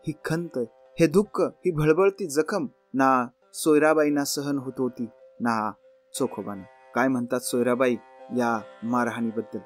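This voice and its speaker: Man, lecturer, mid-pitched voice, slow dramatic verse recitation, faint music underneath. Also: steady tone. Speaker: podcast host, lecturer on saint poetry. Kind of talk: explanatory talk with recited verses.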